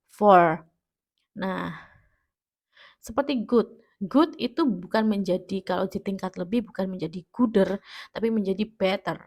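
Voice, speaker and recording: A woman with an Indonesian accent teaching an English grammar lesson, explaining patiently and often correcting herself mid-word. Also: medium pitch. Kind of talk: classroom grammar lesson for students at home.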